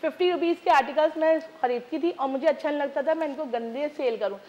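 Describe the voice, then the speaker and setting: A woman's voice: high-pitched, fast, darkish tone, lo-fi sound. A woman guest on a TV talk show who sells preloved bags, talking casually and emphatically. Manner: chatty, emphatic, mixes English words. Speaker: guest, preloved bag seller. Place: TV studio.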